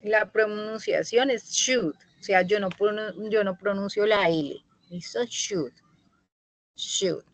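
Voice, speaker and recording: A woman's voice: mid-range voice, fairly even intonation, measured pace, dry recording, low-quality recording. A woman teaching an English grammar lesson in an online class, explaining patiently and checking in often with her students. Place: online meeting recording.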